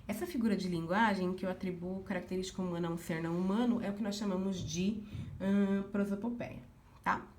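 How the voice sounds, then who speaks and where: A woman's voice: fairly low pitch, fairly even intonation, fast, few pauses. A woman teacher with a Brazilian Portuguese accent, patiently going through exercise answers for her class and dropping in frequent little check-ins with the students. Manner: patient, uses many fillers like "né" and "ó". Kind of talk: recorded class lesson, explaining exercises.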